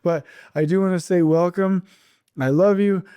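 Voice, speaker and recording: Guy ranting on his own podcast, kinda high but mellow voice, keeps repeating stuff for emphasis. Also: fairly even intonation, moderate pace, smooth, dry recording. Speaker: podcast host. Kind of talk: solo podcast monologue.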